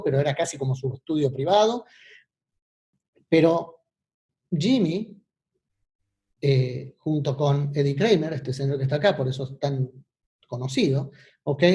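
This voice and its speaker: Male presenter, soft-toned and a touch high, explanatory, informal online talk with frequent check-ins. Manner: explanatory, often checks in with short tag questions. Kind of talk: informal online lecture mixing in English terms. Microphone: video call.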